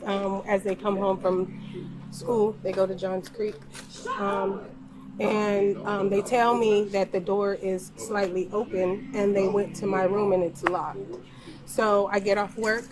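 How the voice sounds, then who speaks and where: A woman's voice: mid-range voice, little pitch movement, takes it slowly, crowd noise. A middle-aged woman, a mother, telling police her side in an emphatic, insistent way.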